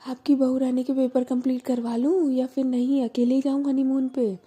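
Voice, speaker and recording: A woman's voice: high-pitched, little pitch movement, warm tone, breathy edge, voice pushed up. A woman voicing an argumentative young woman who answers back indignantly. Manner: indignant, quick to argue.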